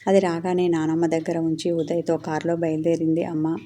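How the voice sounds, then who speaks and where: A woman reading a first-person story aloud in a steady, subdued way. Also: sits low, a little fast, slight background noise.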